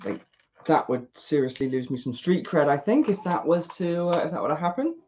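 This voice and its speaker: A woman's voice: deep voice, sing-song, fairly quick, a little mellow, a little hiss or hum. British woman, casual self-deprecating rambler, dull lo-fi mic. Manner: chatty, self-deprecating, talks to herself. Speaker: YouTuber building a model kit. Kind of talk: casual rambling chat while building. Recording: dull lo-fi recording.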